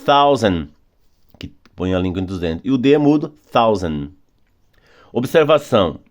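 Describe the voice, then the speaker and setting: A man who speaks Portuguese natively, teaching English phonics patiently, slowing down on rules and repeating examples. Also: medium pitch, expressive. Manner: patient, repetitive, drawing out key words slowly. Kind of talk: phonics lesson explanation.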